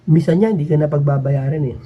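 A man talking casually to his viewers in a rambling, emphatic way, his pitch swinging up and down. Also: fast talker, lo-fi sound. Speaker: vlogger.

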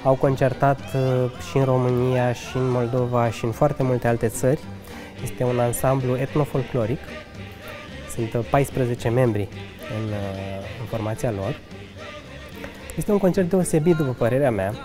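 A man's voice: mid-range voice, over music. A man in his thirties from Romania, a restaurant manager answering interview questions earnestly, with restarts and eager asides. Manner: earnest, enthusiastic, occasional laughs and restarts. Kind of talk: conversational interview. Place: restaurant lounge with fireplace. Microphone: handheld mic held by interviewer.

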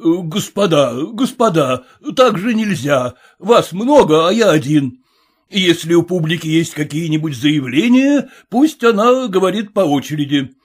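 A man's voice: on the high side, animated, measured pace, slightly rough, pitched above the performer's own voice. Flustered big-voiced ringmaster, begging the crowd; man doing the voice. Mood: exasperated. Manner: bellowing, exasperated, pleading. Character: booming flustered male circus wrestling announcer. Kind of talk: audiobook reading.

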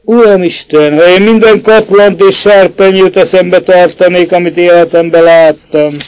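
A man's voice: high-pitched, steady tone, a little mellow, clean tone, dry recording, voice pushed up, natural voice, rough recording. A man doing a wary old-time mason. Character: wary working-class mason, cautious and plain-spoken.

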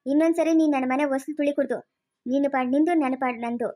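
A performer playing a stern elder brother in a village family drama, shouting curses and threats. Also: sits high, quick pace, lightly acted. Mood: enraged.

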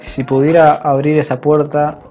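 A young adult man doing excitable let's play commentary, talking to viewers with frequent exclamations. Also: fairly high pitch, normal speed. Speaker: gaming youtuber. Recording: slightly dull home mic with faint noise.

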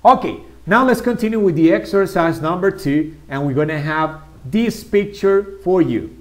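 A man's voice: high voice, lively intonation, a little slow. A man teaching an English grammar lesson on video, patiently asking rhetorical questions and repeating key words.

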